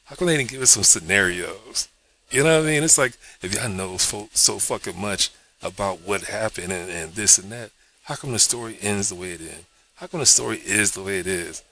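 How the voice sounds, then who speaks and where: A man's voice: lowish voice, a little fast, bright, forceful tone. A man vlogging in a casual, rambling monologue, cursing often and checking in with "you know what I mean".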